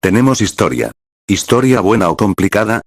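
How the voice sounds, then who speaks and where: A man's voice: lowish voice, animated, normal speed, no echo, studio quality. A man voicing an anxious, proud young woman who has fallen on hard times, in an audiobook. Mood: flustered. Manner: flustered.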